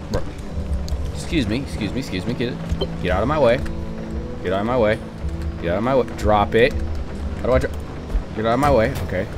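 A man casually commentating a game he plays, excitable, swearing and talking to himself. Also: medium pitch. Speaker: gaming YouTuber. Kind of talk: casual let's-play commentary. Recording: game music playing under voice.

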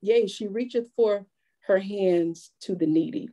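A woman preaching a sermon at a church women's fellowship, lively and conversational, drawing call-and-response from the congregation. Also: medium pitch, unhurried, dull audio.

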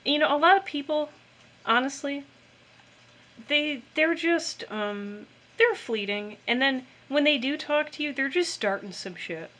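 A woman's voice: high-pitched, lively intonation, unhurried, sharp tone. A woman co-hosting a podcast, chatting frankly and affirming her partner. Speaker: podcast co-host. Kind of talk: casual chat.

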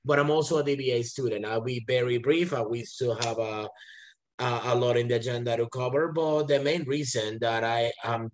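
A man from Venezuela, a company officer and doctoral student, giving a brief, polished introduction on a video call. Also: mid-range voice. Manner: brief, polished, a little nervous. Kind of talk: online roundtable self-introduction.

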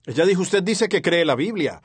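A man's voice: sits high, very animated, brisk, husky, no room sound. A man dubbing a sermon as an interpreter, earnest and following the preacher's rhythm, on a close studio mic. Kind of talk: dubbed sermon translation.

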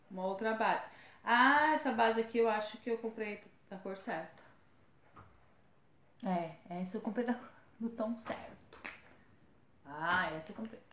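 A woman's voice: medium pitch, fairly bright tone, slight background noise. A woman chatting casually through an unboxing, often stumbling over brand names. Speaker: vlogger. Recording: echoey room, faint ambience.

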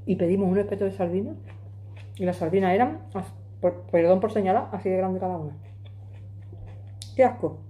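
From her home kitchen in Madrid, Spain, a woman in her forties eats and chats casually into a phone camera resting on the table. She talks briskly in a dark, medium-pitched voice, pausing often. Emphatic and chatty, she uses her hands as she speaks.

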